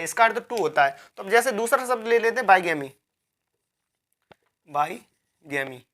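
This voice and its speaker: A woman's voice: mid-range voice, fairly bright tone. A woman teaching a vocabulary lecture, repeating key words, asking herself questions and spelling words out letter by letter.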